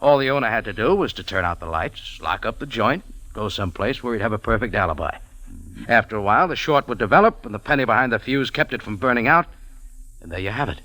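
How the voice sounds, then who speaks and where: With music playing behind him, a man narrates as the lead of a 1940s-50s hard-boiled radio drama, playing a tough, wry cafe owner who dabbles in detective work, clipped, dry, cool and explanatory. His voice is on the low side, fast and sharp, with lively intonation. The old recording is low quality.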